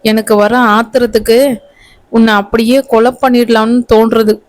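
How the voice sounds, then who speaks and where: A woman's voice: fairly high pitch, little pitch movement, moderate pace, close to an everyday voice. A woman reading a storybook voices a bitter young husband who scolds and threatens his new wife in a curt, menacing way. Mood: harsh, menacing.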